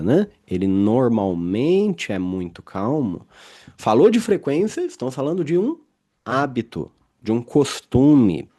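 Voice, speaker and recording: A man gives a recorded grammar lesson in an unhurried, warm and mellow voice. His intonation is lively, moving up and down as he explains. He reads example sentences slowly and keeps checking in with his listeners. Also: mid-range voice. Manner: frequent "né?" checks with students. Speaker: English teacher.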